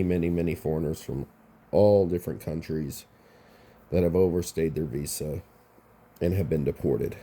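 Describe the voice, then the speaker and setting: This YouTube commentary host has a dark, bass voice. Congested and rambling, he chats casually in his vlog and keeps starting his sentences over.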